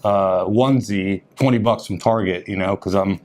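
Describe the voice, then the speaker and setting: A man's voice: low voice, normal speed, a little mellow, slight background noise. A man hosting a podcast, chatty and upbeat, talking with plenty of fillers. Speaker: podcast host. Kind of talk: casual podcast chat.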